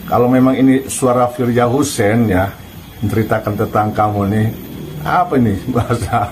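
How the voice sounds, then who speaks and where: A man's voice: mid-range voice, a little mellow, slight background noise, poor audio. A man giving casual online commentary in a mocking, taunting way, firing pointed questions.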